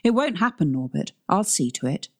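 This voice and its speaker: A woman reading a storybook, voicing a calm, steady female caretaker who turns a little strident. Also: fairly low pitch, normal speed.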